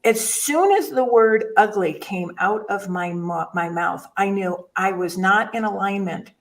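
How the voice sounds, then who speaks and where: A woman's voice: mid-range voice, measured pace, distant mic, poor audio. Older woman telling stories, off-mic. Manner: storytelling, rambling, self-interrupting. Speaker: guest, mindset chaplain. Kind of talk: casual conversation.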